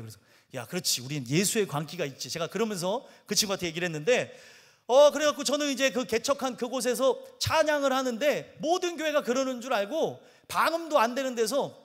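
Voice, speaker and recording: A man's voice: very high voice, fairly bright tone, big-room sound. A male pastor telling a humorous story in a sermon and acting out the people in it. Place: church sanctuary.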